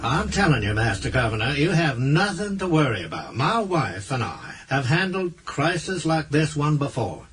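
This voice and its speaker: A man voicing a self-assured, persuasive male human diplomat in an audiobook, with a husky voice and a slightly patronizing manner. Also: a little high, big pitch swings, normal speed, few pauses, fairly bright tone, faint music behind, pitched above the performer's own voice, full character voice.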